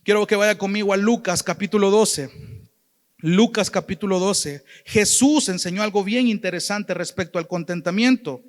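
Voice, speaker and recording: High-voiced Salvadoran preacher in reverberant hall. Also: male voice, moderate pace. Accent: Salvadoran Spanish. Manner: earnest, addresses listeners as brother and sister. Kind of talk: sermon.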